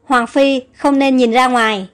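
A woman's voice: high voice, steady tone, unhurried, soft background music. List: woman voicing a loyal male guard, earnest warnings, storybook tale.

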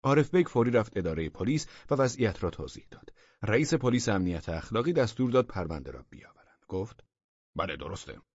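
Deep, husky male storyteller. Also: big pitch swings, darkish tone, no room sound, highs cut off. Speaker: narrator. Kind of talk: audiobook story narration.

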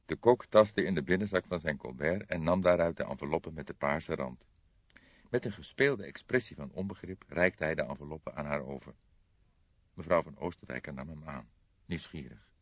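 Deep-voiced man narrating a detective novel. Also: no room sound, highs cut off. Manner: measured, steady storytelling with calm dialogue. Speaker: audiobook narrator. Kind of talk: scripted narration.

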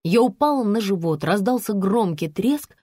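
A woman narrates a first-person novel in a brisk, expressive way. Her voice is lively and moves freely up and down, at a mid pitch. The recording is dry and close, with no room sound. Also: slightly rough, no echo. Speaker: audiobook narrator.

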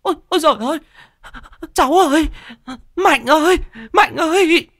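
A man's voice: very high-pitched, animated, moderate pace, fairly bright tone, no room sound, studio quality, pitched above the performer's own voice, exaggerated voice. A man voicing an elderly grandmother wailing and stammering in grief in a spoken horror tale. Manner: sobbing, broken wailing.

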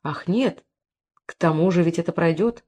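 A man's voice: on the high side, normal speed, darkish tone, close to an everyday voice. A woman reading an audiobook, voicing a young hot-tempered prince with a commanding manner. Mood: surprised.

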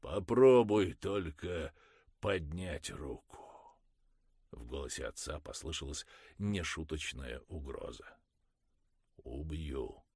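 A man voicing a gloomy crippled peasant father who speaks low and grim. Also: a little slow, vocal fry, slightly rough, no echo, studio quality, exaggerated voice. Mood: threatening.

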